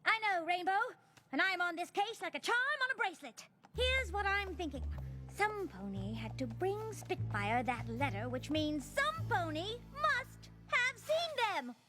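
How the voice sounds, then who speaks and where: An actress voices a stylish, theatrical young female pony who plays detective and narrates, speaking in an extremely high, sing-song, exaggerated voice at a measured pace with music behind her. She sounds persuasive, refined and dramatic, gushing over fabrics in this cartoon voice acting with narration.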